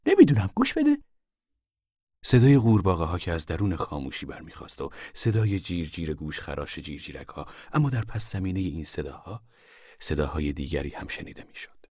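A man narrating an audiobook in a measured way, sometimes dropping to a whisper in tense passages. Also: rumbling low, animated, a little mellow, breathy edge, no room sound, clean studio sound.

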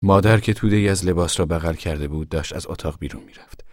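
A man giving measured, solemn scripted narration of a novel for a radio drama. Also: low-pitched, no room sound, clean studio sound.

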